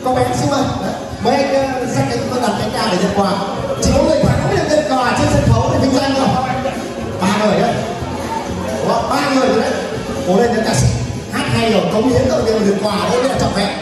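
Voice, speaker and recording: Young guy mc-ing a party game, really high voice, playful hype, super echoey, crowd noise. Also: very fast. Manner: playful, teasing, hyping the crowd. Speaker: event MC. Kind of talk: hosting a live party game show. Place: large hotel ballroom stage. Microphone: handheld PA microphone heard through distant camera. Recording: echoey hall, distant camera, music and crowd.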